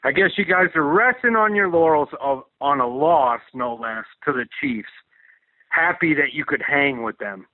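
A man's voice: a little high, expressive, normal speed, no room sound. A man calling in to a radio show over the phone, ranting in a disgusted, sarcastic way. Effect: phone-line call-in voice. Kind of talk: call-in rant about a game.

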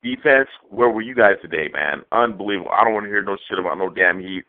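A man's voice: on the low side, fast, creaky. A man from Southern California calling in to a radio show over the phone, ranting angrily with a lot of swearing. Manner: angry profane rant. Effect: call-in phone line. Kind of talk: ranting call-in message. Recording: tinny phone line.

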